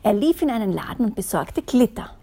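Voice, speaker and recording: Soft husky woman reading a picture book. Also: mid-range voice, sing-song, a little fast. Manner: soft, half-whispered, with playful asides. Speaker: reader.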